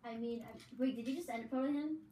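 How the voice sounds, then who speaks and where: A woman with a fairly high voice talks in loose, excitable running commentary as she watches a friend's game. She rambles from one thought to the next. The sound is roomy and echoey, with a faint hiss underneath. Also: a little fast.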